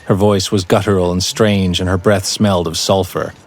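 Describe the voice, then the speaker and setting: A man narrating a fantasy audiobook in a measured, even storytelling voice. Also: sits low.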